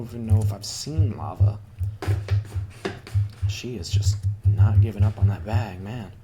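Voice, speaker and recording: A man's voice: on the low side, warm tone, slight background noise. A man giving casual, chatty commentary while playing a video game at home, joking about his own skill and talking to his cat. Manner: chatty, self-deprecating, talks to his cat. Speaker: gaming YouTuber. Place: home room.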